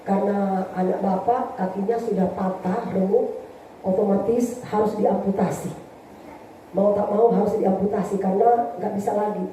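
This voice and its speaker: A woman voicing a calm male doctor who delivers grave news frankly and in a measured way, in an echoey church hall heard from afar. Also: high-pitched, distant mic, a little hiss or hum, pitched below the performer's own voice, natural voice.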